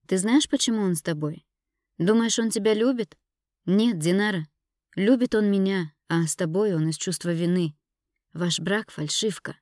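A woman's voice: mid-range voice, normal speed, darkish tone, dry recording, studio quality, natural voice. A woman reading an audiobook, voicing a spiteful, scornful young woman who mocks and accuses her rival. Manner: mocking, accusing. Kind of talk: audiobook character voice.

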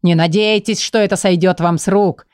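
A woman's voice: on the low side, steady tone, a little mellow, clean tone, no echo, clean studio sound, lightly acted. A woman voicing a hissing old shapeshifter villain. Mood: threatening. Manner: slow, hissing threats rising to shrieks. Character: old male shapeshifter villain, hateful, shrieking.

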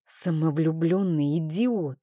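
Female audiobook narrator, first-person fantasy, expressive, low mellow voice, dry booth sound. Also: slow, no room sound.

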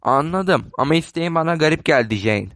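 A man's voice: fairly high pitch, expressive, a little fast, a bit bright, no echo, clean studio sound. A man voicing a plain, reserved elderly woman.

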